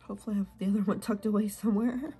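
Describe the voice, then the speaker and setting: This is a casual plan-with-me chat from a young woman who vlogs about planners, filling hers in while nursing a cold. Her mid-range, breathy voice holds a steady tone but comes out rapid-fire. She sniffles and rambles, keeping things soft and slipping into a whisper at times.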